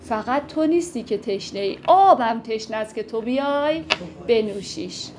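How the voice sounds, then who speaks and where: A woman's voice: on the high side, expressive, a little mellow, a little hiss or hum. A woman teaching classical poetry, reciting verses and then explaining them in a casual, conversational way. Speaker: literature teacher.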